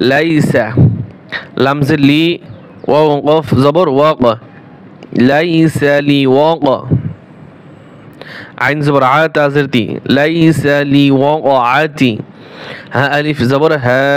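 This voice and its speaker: A man gives a patient reading lesson, spelling out letters and vowel marks one by one, then chanting each verse in a drawn-out way. His voice is smooth and resonant, sits a little high, and moves at an unhurried pace. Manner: asks the learner questions and answers them himself. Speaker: Quran reading teacher.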